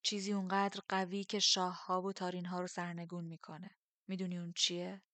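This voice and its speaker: A woman voicing a ragged, fanatical male priest who speaks in a hushed, slow, creeping way. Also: on the low side, monotone, no echo, close to an everyday voice. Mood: hushed menace.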